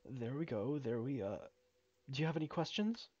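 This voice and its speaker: A hesitant male overseer of a mine, put on by a man reading game dialogue aloud, fumbling through his words with stalls and restarts. The voice is husky and middle-pitched. The recording sounds dull and lo-fi. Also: expressive, darkish tone, natural voice. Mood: explaining. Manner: halting, full of uhs and fumbling restarts.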